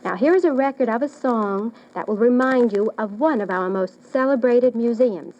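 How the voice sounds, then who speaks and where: A woman's voice: on the high side, normal speed, darkish tone, highs cut off. A woman hosting a children's radio quiz, addressing her audience formally and with careful phrasing. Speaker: quizmaster and host. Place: radio studio. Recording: noisy old radio broadcast recording.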